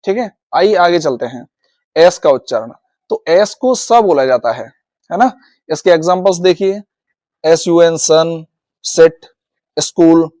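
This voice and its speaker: A man's voice: high-pitched, animated, a little slow, long pauses, a little mellow, no echo. A man with an Indian accent teaching English pronunciation in a video lesson, talking to viewers as "guys" and repeating his points. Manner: repetitive, addresses viewers as guys. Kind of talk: classroom-style video lesson.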